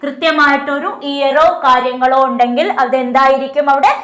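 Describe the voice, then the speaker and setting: Woman teaching, high voice, reads slow then explains fast. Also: fairly even intonation, fairly bright tone, roomy sound. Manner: asks questions and answers them herself; reads English questions slowly, explains quickly. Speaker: exam coaching teacher. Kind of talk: online class lecture.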